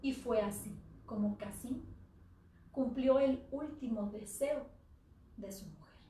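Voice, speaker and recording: A woman storyteller tells a dark tale slowly, sinking at times to a hush. Her voice sits a little high and echoes through a theater from some way off the mic. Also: far from the mic. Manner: slow, dramatic, dropping to near-whispers. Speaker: oral storyteller. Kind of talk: dramatic live story narration. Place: theater stage.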